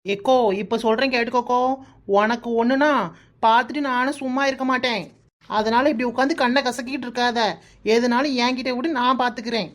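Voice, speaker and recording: A woman's voice: a little high, steady tone, close to an everyday voice. A woman voicing a feisty young village neighbor. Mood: urging. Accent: Kanyakumari Tamil. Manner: brisk, emphatic and protective. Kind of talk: cartoon voice acting.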